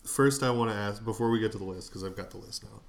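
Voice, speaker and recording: A man's voice: lowish voice, quick pace, vocal fry. A man chatting casually on a podcast, easygoing and agreeable, telling anecdotes. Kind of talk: casual chat.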